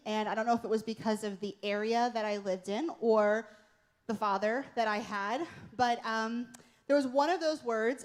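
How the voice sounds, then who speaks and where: A woman giving a conversational sermon from a church stage, telling personal stories and often checking in with "right?". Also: a little high. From Pennsylvania. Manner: earnest storytelling, tag questions. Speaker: worship leader, guest speaker. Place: church stage before a congregation.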